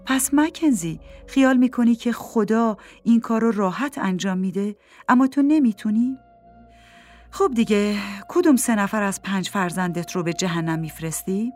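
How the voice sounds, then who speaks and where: A woman reading a calm, wise woman who questions a grieving man softly and gently in an audiobook. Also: medium pitch, faint music behind, natural voice. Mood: pressing. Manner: gentle, probing, soft-spoken. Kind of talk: audiobook character voice.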